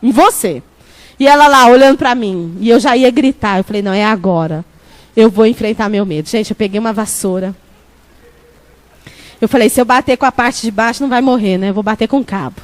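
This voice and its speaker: High-voiced woman bishop preaching animatedly. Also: fairly quick. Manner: animated storytelling, shouting at peaks; lively, laughing, addresses crowd as "gente". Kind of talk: sermon with personal story.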